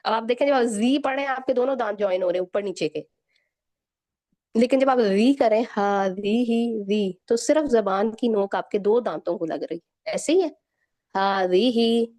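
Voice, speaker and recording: A warm-toned woman whose voice runs on the high side, with lively intonation, teaches Quran recitation online in a Pakistani Urdu accent. She patiently goes over each letter sound slowly, again and again.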